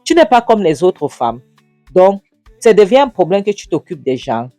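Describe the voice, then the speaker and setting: A narrator acting out an indignant husband who scolds his wife, raising the pitch and repeating "Hein?". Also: normal speed, mellow, no echo, soft background music, natural voice. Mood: berating.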